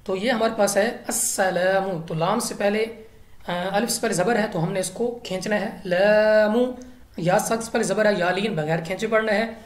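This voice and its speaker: In an echoey room, a woman of medium pitch speaking at normal speed teaches the rules of Quran recitation. Her lesson is patient and proceeds step by step.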